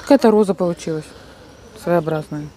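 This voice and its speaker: A woman's voice: on the low side, fairly quick, mellow, a little hiss or hum, poor audio. A woman chatting casually in a teasing, wry way as a partner on a cooking vlog. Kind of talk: casual chat.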